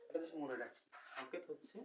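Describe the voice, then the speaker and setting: A man's voice: on the high side, fast, far from the mic, slight background noise, rough recording. A young man teaching a recorded chemistry lecture, explaining step by step and asking the class questions, correcting himself as he goes.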